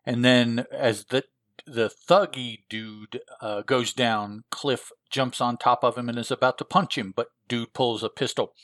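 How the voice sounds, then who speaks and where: A man in his own voice, recapping a comic book story in an easygoing, meandering way. He hesitates often and corrects himself mid-sentence. His pitch sits in the middle, and the recording is close and dry with no room sound. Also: fairly even intonation, measured pace, fairly bright tone, dry recording. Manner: rambling, with frequent filler words and self-corrections. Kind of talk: casual retelling of a comic plot.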